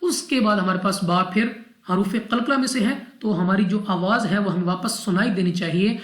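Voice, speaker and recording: A woman's voice: medium pitch, moderate pace. A woman from Pakistan teaching Quran recitation rules, methodically repeating each rule step by step. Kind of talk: tajweed lesson explanation. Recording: roomy echo.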